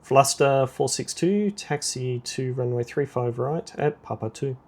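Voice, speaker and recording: A man in a simulator game takes the air traffic controller role, giving clipped procedural commands over the radio. His creaky mid-range voice moves a little slowly and sounds a little mellow.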